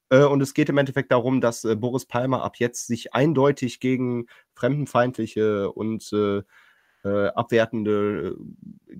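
A man's voice: mid-range voice, a little mellow, dry recording, studio quality. A man hosting a casual panel podcast, reading out news items and commenting with many hesitations. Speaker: podcast host.

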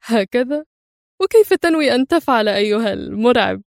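A woman voicing a calm, mocking male secret agent with dry sarcasm. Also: on the high side, brisk, gravelly, no room sound.

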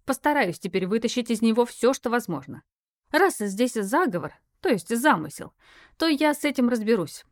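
A woman reading a first-person story aloud with a wry, expressive delivery. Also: on the high side, moderate pace, no room sound, studio quality. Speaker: audiobook narrator. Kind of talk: first-person audiobook narration.

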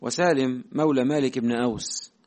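A man's voice: mid-range voice, steady tone, brisk, a little mellow. A man, a student in a class, reading a classical Arabic text aloud to his teacher and answering briefly. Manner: reads steadily, answers briefly.

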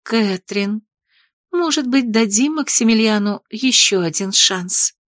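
A woman reading an audiobook, voicing a noble mother who speaks in a measured, formal, gently reproving way. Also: a little high, animated, dry recording, clean studio sound. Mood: thoughtful. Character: noble mother, gentle but stern lady. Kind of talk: audiobook character voice.

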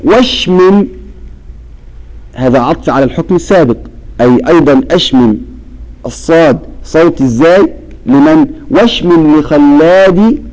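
A man's voice: fairly high pitch, a little mellow, poor audio. A man with an Egyptian accent who teaches Quran recitation to a class. He keeps asking his students to fill in the word he is about to say, and he draws out the verses he recites. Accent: Egyptian Arabic. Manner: quizzes students with fill-in-the-blank questions; slow, drawn-out recitation of verses. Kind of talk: classroom lesson.

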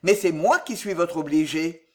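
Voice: mid-range voice, normal speed, lightly acted. A reader doing a fervent young count. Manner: fervent, slightly louder. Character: young devoted count, ardent friend in love. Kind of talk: audiobook character reading.

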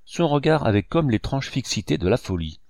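A man narrating a classic novel in a steady, dramatic reading. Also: mid-range voice, a little fast, dry recording, clean studio sound. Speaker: audiobook narrator. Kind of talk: scripted narration.

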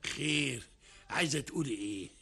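A man's voice: mid-range voice, expressive, a little fast, sharp tone, slightly rough, exaggerated voice. An actor with an Egyptian accent playing Shamis, a rich, devoted husband who pleads with his wife in a radio drama. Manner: pleading, eager, talks over his wife.

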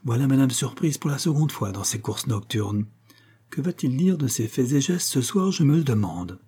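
A man's voice: medium pitch, expressive, moderate pace, mellow, slightly rough, pitched above the performer's own voice. A man voicing a spiteful, prying widow who gloats slyly to herself. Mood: gloating. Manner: sly, gloating.

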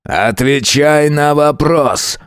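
A man voicing a hoarse, rough-voiced masked male fighter who speaks slowly and growls orders. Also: medium pitch, big pitch swings, dry recording, clean studio sound. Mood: menacing. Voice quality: hoarse, gruff. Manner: slow, demanding, growled.

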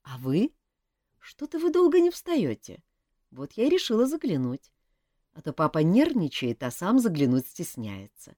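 A woman's voice: lowish voice, wildly swooping pitch, normal speed, dark tone, dry recording, clean studio sound, pitched above the performer's own voice. A woman voicing a frank, earnest young woman in an audiobook, speaking in a forthright way. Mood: cheerful.

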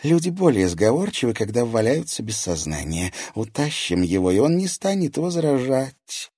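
A man's voice: mid-range voice, sing-song, moderate pace, mellow, breathy edge, dry recording, voice pushed up. A blunt young woman, read by a male narrator, dry and restrained, without much change in voice. It is a close, dry storybook reading.

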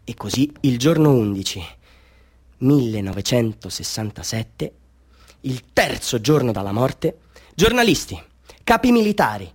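On the high side, the actor's voice carries an intent, recounting mood as he plays a bitter, half-mad villager. The theatrical radio drama monologue swings from hushed confiding to fervent declaiming.

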